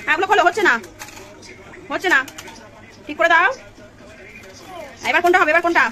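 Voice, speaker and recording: Brief: woman at home, sing-song coaxing baby talk, very high ringing voice. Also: a little fast, sharp tone. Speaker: mother playing with her toddler.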